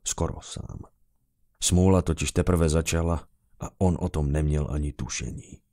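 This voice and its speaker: A man's voice: steady tone, dry recording, clean studio sound. A man narrating a fantasy audiobook, voicing the characters himself. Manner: shifts into loud high shouting for characters.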